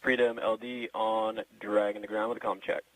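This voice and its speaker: A man's voice: on the low side, flat delivery, normal speed, a bit bright, no echo, poor audio. A man running communication checks as a launch controller, in astronaut radio procedure talk over a radio loop. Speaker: launch director on comm checks.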